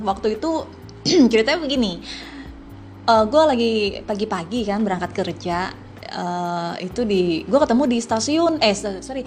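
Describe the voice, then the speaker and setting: A woman's voice: a little high, darkish tone. A woman hosting a casual podcast Q&A, chatty and giggly. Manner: chatty and giggly, slangy, many restarts. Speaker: podcast host answering listener questions.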